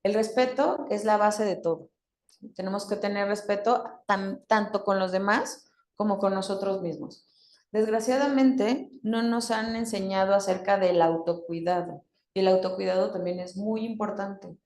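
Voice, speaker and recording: A woman's voice: medium pitch, moderate pace, a little mellow. Woman leading a workshop, echoey room. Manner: asks the group questions, demonstrates tones of voice. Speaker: workshop speaker. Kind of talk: interactive talk to a group.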